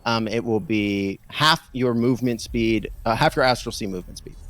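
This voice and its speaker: A man's voice: medium pitch, normal speed, fairly bright tone. Enthusiastic man running a tabletop game. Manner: enthusiastic, rambling with many fillers. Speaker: game master.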